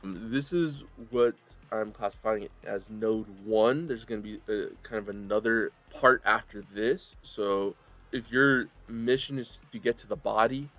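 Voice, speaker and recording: A man narrating a tabletop role-playing game as game master, telling the scene dramatically with pauses between phrases. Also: on the low side, fairly bright tone, no echo, faint music behind.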